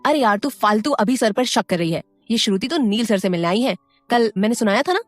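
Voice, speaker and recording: A woman's voice: a little high, lively intonation, fairly quick, no room sound, faint music behind. A woman voicing a proud young medical student who answers curtly and defensively, in an audio story. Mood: sulky. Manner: curt, defensive.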